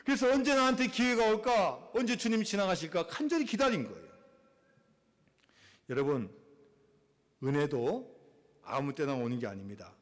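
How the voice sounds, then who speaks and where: Male pastor, high voice, sermon in a reverberant church hall, dramatic swings in volume. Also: big pitch swings, moderate pace, long pauses. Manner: preaching, acts out quoted voices, swings from loud to hushed. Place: church sanctuary.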